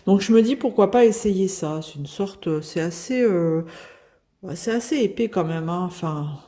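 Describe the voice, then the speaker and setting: A woman from northern France chats through a craft unboxing, pausing often on fillers and laughing at herself. Her voice sits a little low, with a mellow tone. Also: lively intonation. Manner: chatty, self-deprecating, many fillers. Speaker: craft video host. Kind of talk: casual unboxing chat.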